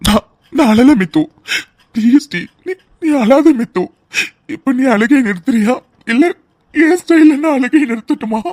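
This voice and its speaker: A woman's voice: high voice, lively intonation, moderate pace, a little mellow, no room sound. A woman voicing a loving, protective young husband in a cartoon drama, pleading and emotional. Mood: tearful tender. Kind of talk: tearful cartoon drama voice acting.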